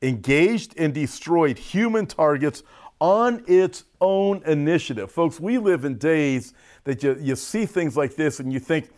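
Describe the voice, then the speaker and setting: This American pastor's voice is a little high, animated, and darkish in tone, moving at an unhurried pace. Recovering from a cough with a lozenge in his mouth, he hosts a prophecy update for an online audience, preaching in a folksy, informal way with direct address and emphatic stresses.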